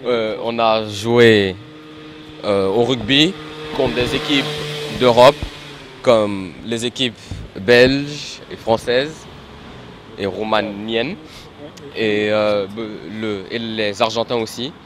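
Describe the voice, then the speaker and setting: A man's voice: on the low side, takes it slowly, background noise. A man answering an interview as a rugby player, speaking steadily and fairly fluently once he gets going.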